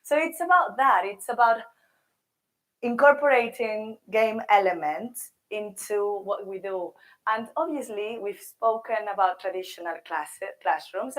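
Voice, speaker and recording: A woman's voice: medium pitch, expressive, measured pace. Woman presenting with a sore, swollen-throat voice. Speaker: language teacher and presenter. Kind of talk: seminar presentation of a virtual project.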